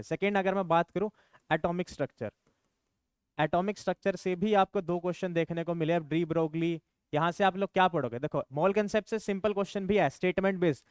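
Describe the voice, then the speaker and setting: Brisk, smooth-voiced male chemistry teacher. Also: fairly high pitch, no room sound, studio quality. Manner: brisk, addresses students directly. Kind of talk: exam analysis lesson.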